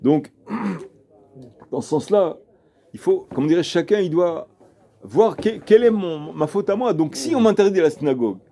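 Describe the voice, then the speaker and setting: Rabbi guy teaching, talks right at you, gravelly, warm dark voice, keeps repeating stuff. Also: a little high, a little slow. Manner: animated, emphatic, repeats himself, addresses the listener directly. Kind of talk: informal Torah lesson with a story.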